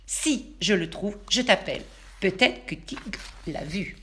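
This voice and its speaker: A woman voicing a friendly lion parent who speaks slowly and sympathetically in a children's storybook. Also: medium pitch, lively intonation, pushed and bright, slight background noise. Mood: sympathetic.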